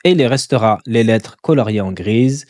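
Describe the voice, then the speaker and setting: Man, pronunciation teacher, patient, repeats syllables slowly, middle pitch, dry room. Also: animated, darkish tone, no echo. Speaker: Quran recitation teacher. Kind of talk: step-by-step pronunciation lesson.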